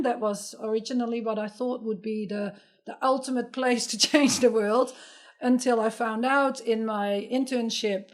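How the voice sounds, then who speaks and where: Dutch-accented woman telling her story. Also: on the high side. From Netherlands. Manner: earnest, reflective, with light laughs and restarts. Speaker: podcast guest, sustainability entrepreneur. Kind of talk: conversational interview storytelling.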